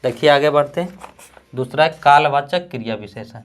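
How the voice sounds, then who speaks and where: A man from Bihar teaching a grammar lesson, repeating words slowly for students to write down and answering his own questions. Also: fairly high pitch. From Bihar, India.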